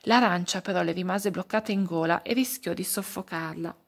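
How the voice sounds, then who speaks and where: A woman reading a fairy tale aloud to children, expressive and speaking to young listeners. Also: on the low side, brisk, gravelly. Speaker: children's story reader.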